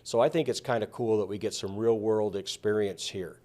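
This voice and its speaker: A man's voice: lowish voice, steady tone, normal speed, dark tone. A man hosting a podcast interview from a school studio, asking friendly conversational questions. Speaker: podcast host and teacher. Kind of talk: casual interview. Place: school digital arts studio.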